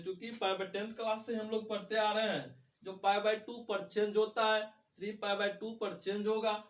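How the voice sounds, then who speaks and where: Male math teacher, unhurried delivery, booming echoey room. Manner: poses questions and answers them himself. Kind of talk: whiteboard lecture. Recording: echoey room, mic far off.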